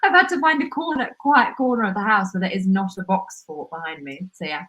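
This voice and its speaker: A woman's voice: medium pitch, fairly quick, fairly bright tone. A young woman with a modern British accent from southern England, chatting informally as a podcast co-host. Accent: Southern English. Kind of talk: casual chat on a live podcast. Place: sparse room at home.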